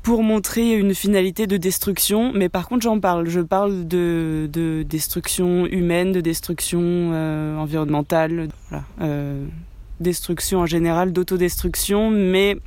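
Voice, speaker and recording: Danseuse hésitante, voix sèche. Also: female voice, fairly low pitch, fairly even intonation, measured pace, warm tone, no echo. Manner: hesitant, many fillers and restarts. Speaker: contemporary dancer. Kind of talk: radio interview answers.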